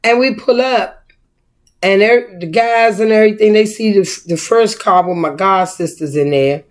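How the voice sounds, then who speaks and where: Co-hosting a relaxed family chat, a middle-aged mother speaks at medium pitch and a moderate pace. Her delivery is emphatic, full of preacher-like rhetorical questions.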